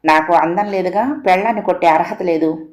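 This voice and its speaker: A woman's voice: on the low side, fairly quick, a little mellow, lightly acted. Woman reading an alarmed young man. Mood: blunt. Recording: roomy echo.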